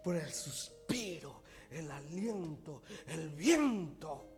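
A man preaching a sermon, swinging from loud, fast preaching to hushed whispers. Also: fairly high pitch, lively intonation. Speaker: pastor. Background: music playing.

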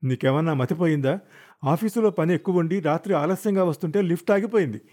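A man voicing an exasperated, worn-out husband who snaps back in sharp, defensive retorts in an audiobook. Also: fairly high pitch, fast talker, voice pushed up, lightly acted. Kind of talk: audiobook character voice.

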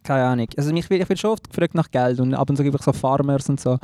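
A man's voice: mid-range voice, fast talker, dark tone, dry recording, studio quality. A young man with a Swiss German accent, a podcast co-host telling a story in a rambling, self-mocking way, mixing in English slang. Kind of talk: casual chat.

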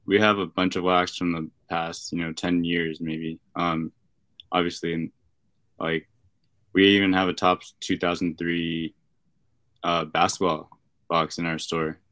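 A young man chatting casually as a podcast guest, laid-back and slangy, pausing to find his words. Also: deep voice, little pitch movement, bright, forceful tone, dry recording. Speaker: podcast guest, card shop worker. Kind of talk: casual chat.

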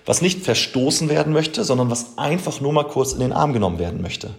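A man's voice: medium pitch, sing-song, a little fast, vocal fry, roomy sound. A man who works as a coach, talking earnestly and emphatically to his podcast listeners, addressing them directly and mixing in English phrases. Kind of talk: motivational podcast talk.

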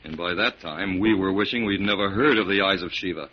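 A low-pitched man speaks briskly as a captured killer in a 1940s radio play, confessing with flat resignation. The recording is muffled and noisy, typical of the era.

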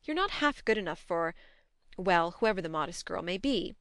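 A woman reading an audiobook as a brisk, affectionate young woman, a bossy tomboyish elder sister with a forthright manner. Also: on the low side, lively intonation, a bit bright, clear, resonant tone, no room sound, studio quality. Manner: admonishing, forthright. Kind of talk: audiobook character dialogue.

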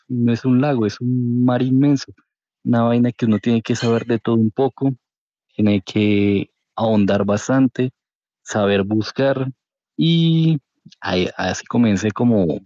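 A man's voice: fairly low pitch, dark tone, dry recording. A man with a Colombian accent telling his own story casually and colloquially as an interview guest. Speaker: podcast guest, career changer into programming. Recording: dull, lo-fi audio.

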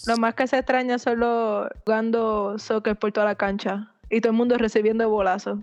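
A woman's voice: a little high, flat delivery, brisk, darkish tone. A young woman, chatting casually and giggling as a student podcast guest. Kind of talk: casual chat. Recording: slightly dull sound with faint music.

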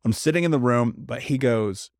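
A man talks candidly in casual podcast conversation, leaning hard on his points and tossing in slang like dude and bro. His voice sits at an ordinary middle pitch. The sound is dry and close, with no room echo. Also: moderate pace, a little mellow.

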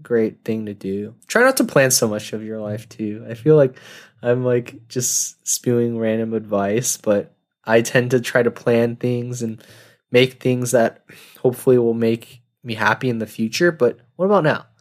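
A man's voice: medium pitch, measured pace. A young man in his twenties hosting a casual solo podcast, rambling and self-deprecating, laughing at his own jokes. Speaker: podcast host.

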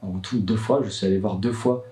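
A man's voice: fairly low pitch, fairly even intonation, quick pace, dark tone, reverberant, distant mic. A young man, a worried father, telling his story in a hesitant vlog monologue full of fillers and restarts. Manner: hesitant, many fillers and restarts, rising when upset.

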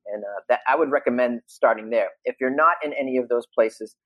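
A man from Boston, a comedian and voiceover actor, chatting as a podcast guest with animated storytelling. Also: mid-range voice, a little fast, dry recording, highs cut off. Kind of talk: casual podcast conversation.

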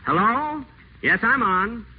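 An actor and radio celebrity voices a pompous, scheming, acerbic wheelchair user in a 1940s radio drama, using a very high, sing-song full character voice and taking it slowly. The delivery is sardonic and theatrical, heard through a tinny old broadcast with faint hiss.

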